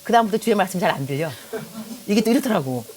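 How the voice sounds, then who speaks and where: A woman's voice: medium pitch, racing. A middle-aged woman from Korea preaching a sermon as a pastor, telling stories with jokes and speaking straight to the congregation. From South Korea. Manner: lively storytelling, joking, addresses the audience directly.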